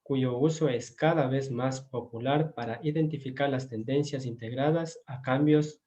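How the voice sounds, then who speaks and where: A man from Ecuador, a doctoral student giving a measured academic lecture over a video call, with frequent filler pauses. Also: mid-range voice, dark tone. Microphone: computer mic on a video call. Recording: dull lo-fi video call audio.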